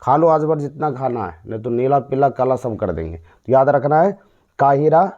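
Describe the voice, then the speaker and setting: A man's voice: mid-range voice, expressive, normal speed. A man with a Bihari Hindi accent teaching general knowledge mnemonics, repeating and quizzing in a call-and-response way. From India. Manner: repetitive, drilling call-and-response. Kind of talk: exam mnemonic lesson. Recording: dull lo-fi audio.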